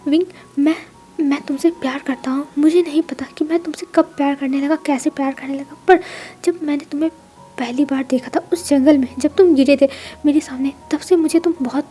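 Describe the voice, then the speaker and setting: A woman voicing a quiet, reserved young man who speaks softly and low-key in a fan fiction read-aloud. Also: fairly even intonation, brisk, lightly acted. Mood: tender. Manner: soft, low-key, few words.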